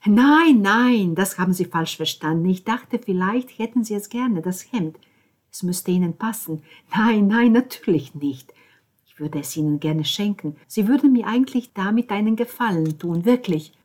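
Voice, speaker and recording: Audiobook: woman narrator doing flustered neighbor lady, eager, breathy, rushed. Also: medium pitch, animated, a little mellow, voice pushed up, lightly acted. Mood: flustered, pleading. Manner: breathless, quick and pleading. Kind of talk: audiobook character voice.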